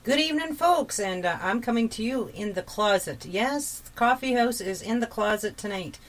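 A woman hosting a casual radio show while talking from inside a small closet. She sounds relaxed and chatty, with fillers and restarts. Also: fairly high pitch, normal speed.

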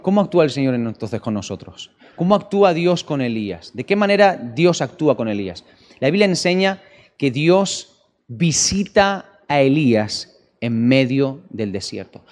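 A man preaching a sermon, animated and full of rhetorical questions to his listeners. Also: a little high. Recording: long church-hall reverb.

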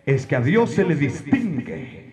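A man preaching a sermon to a congregation, emphatic, firing off rhetorical questions and breaking into shouts. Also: a little high, sing-song, unhurried. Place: church service with a congregation. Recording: live church recording with congregation noise.

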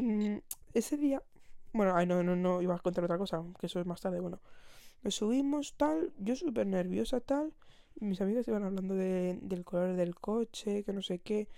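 A woman's voice: mid-range voice, warm tone, no room sound, clean studio sound. A young woman from Spain with a Spanish accent, telling a casual anecdote on her podcast in a rambling way, correcting herself and laughing often. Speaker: podcast host.

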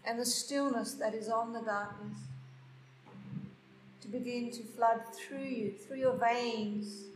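A woman guiding a slow meditation in a soft, hushed, unhurried voice with long pauses. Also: a little high, steady tone, a little hiss or hum. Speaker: podcast host and meditation guide. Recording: roomy, echoing sound with faint music.

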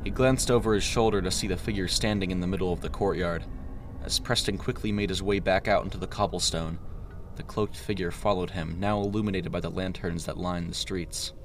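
A man narrates a storybook reading in a deep voice, his delivery steady and even though a little fast. Faint background noise can be heard behind him.

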